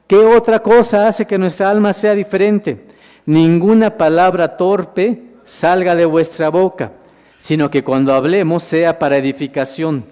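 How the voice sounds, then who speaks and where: Man, minister, sermon teaching, fairly high voice, long hall echo. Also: darkish tone, smooth. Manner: keeps asking the congregation questions and answering them himself; calls listeners "hermanos". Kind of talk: sermon, Bible teaching with slides. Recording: long reverb of a large hall.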